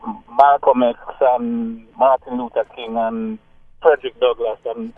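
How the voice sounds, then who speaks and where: A man calling a radio show, speaking in a measured, hesitant way. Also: medium pitch, level tone, no room sound. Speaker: radio caller. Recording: tinny phone line.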